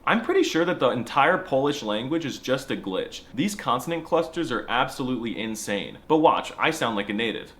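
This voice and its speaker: A man's voice: mid-range voice, sing-song, fairly quick, hardly any pauses, a bit bright. A man narrating a scripted comedy video with sarcastic, mock-serious jokes. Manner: slips into mock accents.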